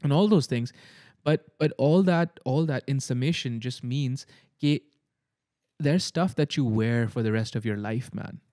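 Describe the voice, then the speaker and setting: A man's voice: medium pitch, unhurried, mellow, no room sound, clean studio sound. A man hosting a casual conversation, emphatic and repeating words, with some Urdu phrases mixed in. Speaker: podcast host.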